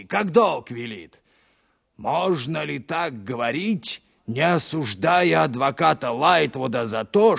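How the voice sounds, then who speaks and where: Gravelly, whining, sly informer. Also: male voice, a little high, fairly bright tone, exaggerated voice. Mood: self-righteous. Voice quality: gravelly, creaky. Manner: wheedling, sanctimonious, drawn-out pleading. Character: whining, sly, self-pitying working-class male informer. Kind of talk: dramatized audiobook reading.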